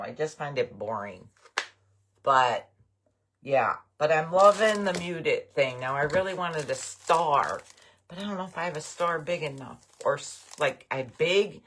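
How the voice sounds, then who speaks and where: An older woman hosting a craft livestream, chatting casually and rambling happily with her viewers. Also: low-pitched. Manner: chatty, rambling, enthusiastic about bargains. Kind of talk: casual live-stream chat with viewers.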